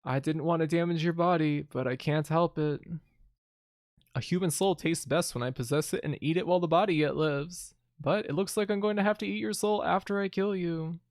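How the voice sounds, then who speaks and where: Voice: medium pitch, fairly quick, darkish tone, no room sound, clean studio sound, lightly acted. A player voicing a gloating female devil while reading video game dialogue aloud. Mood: menacing, arrogant. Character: gloating female devil possessing a lover's body.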